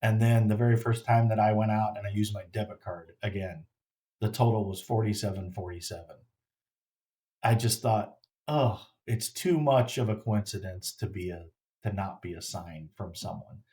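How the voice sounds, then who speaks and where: A middle-aged man telling a personal story in a casual, halting way, often repeating words and restarting as he reflects. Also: fairly low pitch, dark tone. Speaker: grieving father telling his story.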